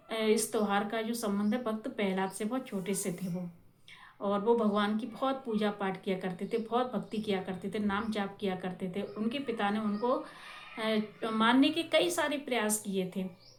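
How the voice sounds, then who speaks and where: Woman, explaining rituals, casual and repetitive, raised pitch, roomy echo. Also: slight background noise. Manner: explanatory, repeats herself, checks in often with the listener. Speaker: presenter explaining festival rituals.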